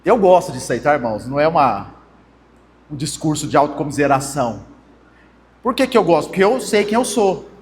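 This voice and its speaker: A man's voice: a little high, very animated, a little fast, long pauses. A young man with a Brazilian Portuguese accent preaching a conversational sermon and addressing the congregation as brothers. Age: young adult. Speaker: pastor. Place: church hall. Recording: long church hall reverb.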